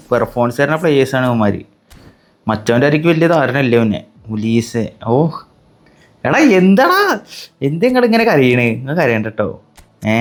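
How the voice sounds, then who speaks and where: A young man with a Malayali accent hosting his own gaming channel, exclaiming loudly as he opens packs. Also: mid-range voice. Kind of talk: excited pack-opening commentary.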